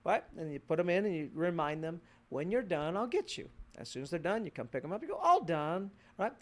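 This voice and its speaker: A man's voice: a little high, sing-song, brisk. A middle-aged male pastor preaching a sermon in a conversational way, acting out short voices of children and parents.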